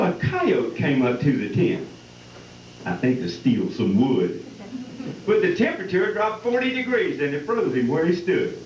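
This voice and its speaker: A man with a cowboy drawl, hosting and reciting folksy comic verse at a live event. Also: on the high side. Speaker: event host and cowboy poet. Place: live benefit event before an audience. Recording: distant, echoey, muffled live hall with noise.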